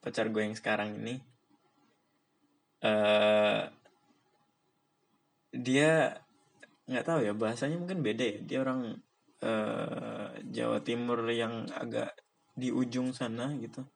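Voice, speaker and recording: A man's voice: medium pitch, steady tone, measured pace, vocal fry, pauses often. A young man from Indonesia talking casually on his own, rambling in slang with frequent laughs. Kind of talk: casual monologue.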